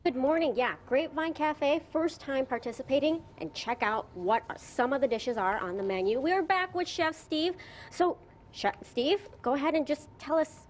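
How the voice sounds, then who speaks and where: A woman in her thirties reporting live from a restaurant, upbeat with quick affirmations, on a handheld mic. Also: high-pitched. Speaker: TV field reporter. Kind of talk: live morning TV interview. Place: restaurant dining room, indoors. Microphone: handheld station mic.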